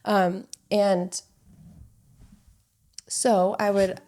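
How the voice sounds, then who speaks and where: A woman's voice: mid-range voice, little pitch movement, extremely slow, darkish tone. Woman podcast host, earnest and rambly, lots of fillers, heartfelt chat.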